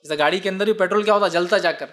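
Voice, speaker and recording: A man's voice: high voice, rapid-fire. A man gives a religious answer to a question. He explains patiently and keeps answering his own rhetorical questions. His talk moves easily between words and English ones. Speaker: Islamic speaker.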